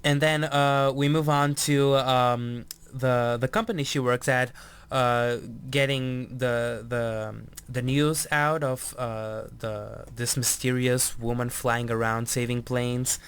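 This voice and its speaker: A man's voice: medium pitch, level tone, takes it slowly, a bit bright, clear, resonant tone. A man co-hosting a podcast, chatting casually about a TV episode in a rambling way with many fillers and restarts. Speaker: podcast co-host. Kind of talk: casual TV episode review chat.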